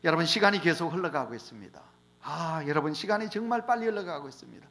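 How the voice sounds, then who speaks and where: A middle-aged man preaching a Sunday sermon, calling out to the congregation and swinging between loud emphasis and hushed lines. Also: on the high side, animated, fast talker. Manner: repeatedly addresses the congregation directly. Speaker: pastor.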